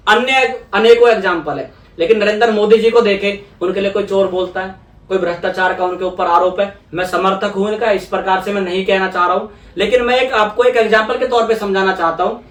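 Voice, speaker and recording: A man's voice: sits high, fairly even intonation, fairly quick, fairly bright tone, recorded from a distance. Earnest young man in an echoey room. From India. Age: young adult. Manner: earnest, explanatory, repeats phrases for emphasis. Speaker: politician guest. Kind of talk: conversational interview. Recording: echoey room, voice away from mic.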